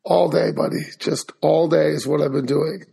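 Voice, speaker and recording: Gravelly-voiced man on a podcast. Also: on the high side, steady tone, moderate pace, dark tone. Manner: joshing, rambling. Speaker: podcast co-host. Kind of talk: casual chat.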